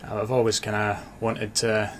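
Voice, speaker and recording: An author and sports journalist from Dundee talks unhurriedly in a low, even voice during a casual radio interview. His accent draws on Dundee, Glasgow and Edinburgh, and background noise comes through clearly.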